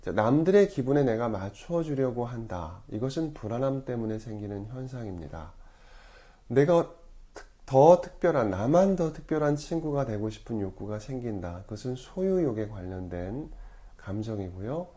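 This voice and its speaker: Mellow-voiced male priest teaching calmly. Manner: measured, often rephrasing and correcting himself mid-phrase; stresses key words with sudden rises in pitch and loudness. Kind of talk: explanatory teaching talk.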